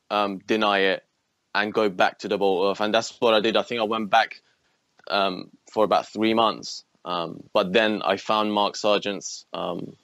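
A man in his twenties from Iran, a podcast guest, telling his story with many pauses and restarts. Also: fairly low pitch, fairly bright tone, no room sound, dull audio. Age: 20s. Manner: hesitant, with frequent ums and restarts. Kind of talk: casual interview talk.

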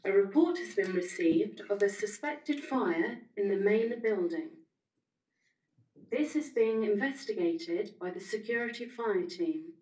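A woman making a formal emergency announcement over a PA system as incident control officer, speaking in a measured, deliberate way. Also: mid-range voice. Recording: echoey loudspeaker heard from far off.

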